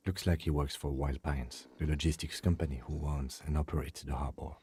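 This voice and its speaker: An actor playing a calm, reserved male police lieutenant in a video game, matter-of-fact and understated. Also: very deep voice, fairly quick, a little hiss or hum.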